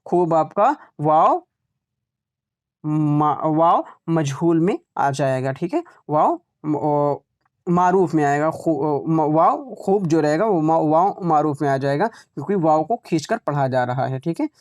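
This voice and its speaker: A man's voice: fairly high pitch, lively intonation, slow. A male teacher leading an exam-prep lesson, repeating words aloud to drill pronunciation and asking questions he then answers himself.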